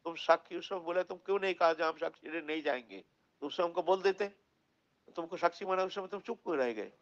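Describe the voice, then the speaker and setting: A man's voice: fairly high pitch, quick pace, highs cut off, close to an everyday voice. A man voicing a stubborn young brahmin who pleads and scolds. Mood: pleading. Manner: pleading, then threatening and scolding.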